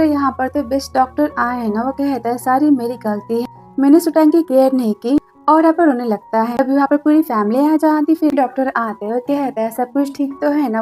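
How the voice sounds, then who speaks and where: High-voiced woman chatting through a drama recap. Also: darkish tone. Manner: retells scenes in a chatty running account, quoting each character. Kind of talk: casual storytelling recap.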